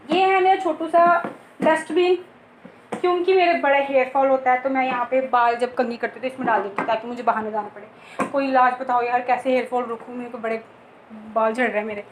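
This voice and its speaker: A woman's voice: high voice, echoey room, noisy background. A young woman giving a casual home tour, chatty and joking, talking straight to her viewers. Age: young adult. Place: rooms of a home, indoors.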